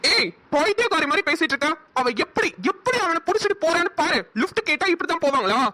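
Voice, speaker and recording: A woman with a Namakkal Tamil accent voicing a flustered, hot-tempered older brother in a cartoon, stammering and shouting. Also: very high voice, expressive, fast talker, heavily acted. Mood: furious. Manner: flustered, stammering then explosive. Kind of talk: cartoon voice acting.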